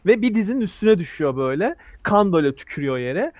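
A man's voice: sits high, very animated, fast, darkish tone, dry recording. A man running a tabletop role-playing game, explaining rules and narrating action scenes vividly. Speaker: game master.

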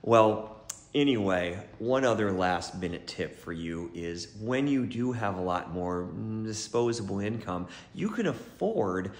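A middle-aged man playing a smug, condescending rich villain in a wrestling promo, with pompous, mock-polite delivery and drawn-out emphasis. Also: fairly low pitch, expressive, reverberant. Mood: smug, taunting. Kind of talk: scripted wrestling promo to camera. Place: poolside patio, then living room at home.

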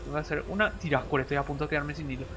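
A young man giving casual let's-play commentary, excitable, yelping and groaning as he plays and mixing in English words. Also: fairly high pitch, rapid-fire. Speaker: gamer streamer. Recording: game music behind the voice.

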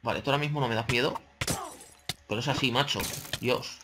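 A man's voice: mid-range voice, fairly even intonation, brisk, noisy background. Chatty man narrating gameplay. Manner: chatty, talks to himself and viewers, playful exclamations. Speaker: gaming channel host. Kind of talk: casual let's-play commentary.

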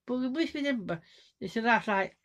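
A woman talking casually to camera in a vlog, halting and restarting often as she demonstrates different laughs. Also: a little high, expressive, a bit bright. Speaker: vlogger.

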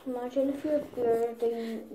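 A woman's voice: on the high side, steady tone, a little slow, reverberant, crowd noise, rough recording. A young girl chatting casually with a friend while drawing, insistent and a little bossy. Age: child. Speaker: vlog co-host.

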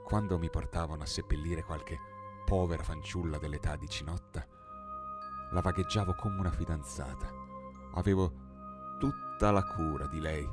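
Over singing bowl music in a studio, a man with a rumbling low voice narrates a 19th-century tale for an audiobook. His pace is moderate and his intonation fairly even, though the reading is impassioned and dramatic, swelling during the dialogue.

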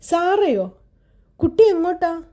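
A woman voicing a stern, quick-tempered headmistress in an audiobook story, raising her pitch. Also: expressive, warm tone. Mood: forced politeness.

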